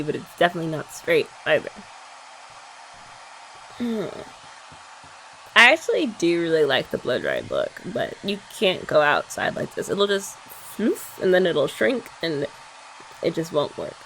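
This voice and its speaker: An ASMR creator, a young woman, plays a teasing girlfriend chatting softly while her hair is being dried, and a faint hair dryer hums in the background. Her voice is on the low side with huge pitch swings and a normal pace. The audio is poor.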